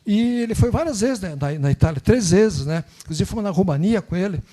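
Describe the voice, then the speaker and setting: A man speaking informally as a guest missionary at a church service, telling animated stories and tagging phrases with "né?", on a handheld mic in a church. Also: high voice, fairly quick. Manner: animated storytelling, acts out dialogues, frequent tag "né?". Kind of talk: informal church talk with anecdotes. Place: church sanctuary.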